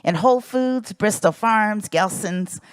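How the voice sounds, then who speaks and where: A woman's voice: mid-range voice, unhurried, clean tone, no room sound. A middle-aged woman from South Central Los Angeles giving an earnest, emphatic prepared speech as an invited advocate.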